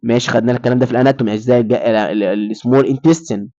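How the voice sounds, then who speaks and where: A man's voice: mid-range voice, steady tone, very fast, warm tone, lo-fi sound. A man with an Egyptian Arabic accent giving a recorded lecture, who asks his students questions and then answers them himself.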